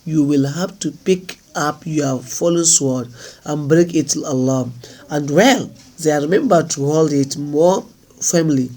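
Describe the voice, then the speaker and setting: A man's voice: on the high side, slow, darkish tone. A man reading the part of a proud, mocking desert prince with a commanding manner.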